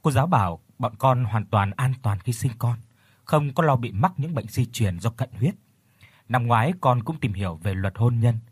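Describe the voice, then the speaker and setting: A man's voice: medium pitch, animated, moderate pace, husky, no room sound. A man voicing a stubborn young woman who argues back with her mother. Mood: arguing. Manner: irritable, reasoning.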